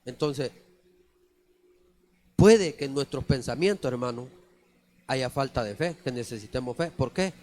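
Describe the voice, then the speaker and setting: A man's voice: mid-range voice, animated, measured pace, pauses often, a little mellow. A man preaching a conversational church sermon, often calling the listeners brother. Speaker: lay preacher. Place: church sanctuary.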